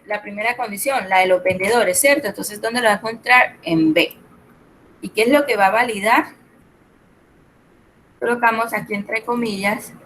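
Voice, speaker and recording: A woman's voice: mid-range voice, a bit bright, slight background noise, poor audio. A middle-aged woman, tutoring an online spreadsheet class, explaining step by step and checking in with her students. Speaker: Excel tutor.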